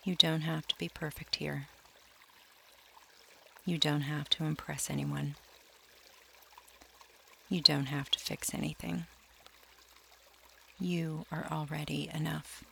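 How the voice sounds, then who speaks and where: Male meditation guide: slow, soft, gravelly voice, little pitch movement, calm scripted delivery. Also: slight background noise. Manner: slow, soft and soothing, drifting into near-whispers.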